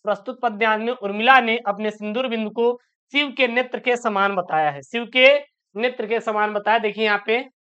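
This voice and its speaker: A male teacher giving a chatty, reassuring board exam lesson and slowly reciting verse. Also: high voice, sharp tone, clear, resonant tone. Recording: dull lo-fi sound.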